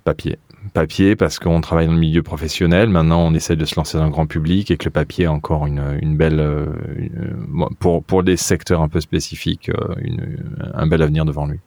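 Very deep-voiced man, dry sound. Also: a little fast, dry recording. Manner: relaxed, hesitant restarts. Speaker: podcast guest. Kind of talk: podcast interview.

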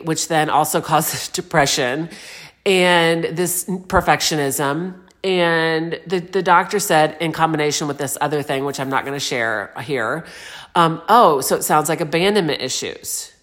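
A woman in her forties sharing a personal reflective monologue, meandering and earnest with frequent restarts and soft spiritual wording. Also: sits low, slow pace. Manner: soft-spoken spiritual vocabulary.

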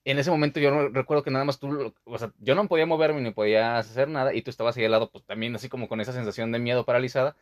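A man's voice: mid-range voice, steady tone, very fast, few pauses, no echo, lo-fi sound. Man hosting a casual podcast. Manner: rambling, many fillers and restarts. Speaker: podcast host.

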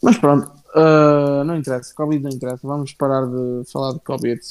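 A man with a European Portuguese accent co-hosting a casual live wrestling chat in a halting, slangy, familiar way. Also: mid-range voice, little pitch movement, darkish tone, clear, resonant tone. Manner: halting, slangy, addresses listeners and co-host familiarly. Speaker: wrestling show co-host.

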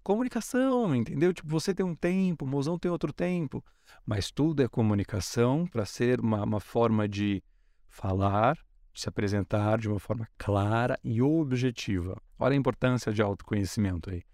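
A young man with a Brazilian Portuguese accent talks through a casual solo podcast in a mid-range voice. He is chatty and loose, and slips into playful voices for quick bits of dialogue. The sound is dry and close, with no room around it. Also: medium pitch, a little mellow, no room sound. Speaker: podcast host.

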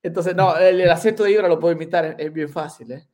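Male podcast co-host, excitable casual talker, a bit high-pitched, restarts a lot. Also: fast talker. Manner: excitable, repeats words while searching for them. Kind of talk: casual chat.

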